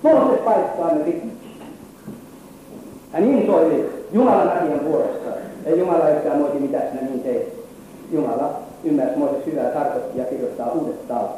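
Guy preaching a fiery sermon, kinda high voice, big echoey church, far off mic. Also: mellow, a little hiss or hum. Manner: fervent preaching with rising and falling intensity. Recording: echoey hall recorded from afar.

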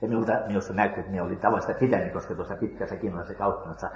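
A man's voice: low-pitched, steady tone, echoey room, highs cut off. An older man, a missionary preacher, telling a dramatic testimony with hesitant fillers. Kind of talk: storytelling testimony.

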